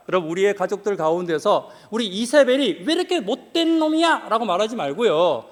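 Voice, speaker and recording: A man preaching a sermon in a church hall, lively and full of questions and jokes for the congregation. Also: high voice. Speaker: pastor.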